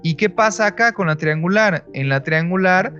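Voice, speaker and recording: Male engineering teacher, patient, fairly high voice, muffled audio with faint music. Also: expressive, normal speed, pushed and bright. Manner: patient, explanatory, checks with "¿sale?". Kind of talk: explaining a lesson.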